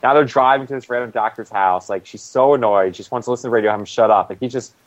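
A man's voice: medium pitch, racing, no echo, muffled recording. A man co-hosting a casual TV recap chat, talking loosely with lots of "like" fillers. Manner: loose and rambling, many "like" fillers. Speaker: podcast co-host.

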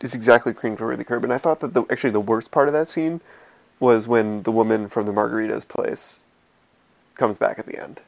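A man with a gravelly, fry-tinged voice chats about a TV episode. He makes dry, wry remarks at an easy conversational pace. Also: medium pitch, fairly even intonation, brisk, a little mellow. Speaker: podcast co-host. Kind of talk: casual TV recap chat.

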